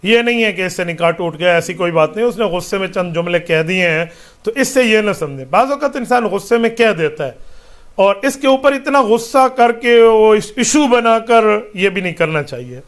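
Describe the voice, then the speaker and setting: A man's voice: high voice, animated, fairly bright tone. A man answering religious questions as a mufti, preaching in an emphatic, rhetorical way, listing points and reciting Arabic phrases.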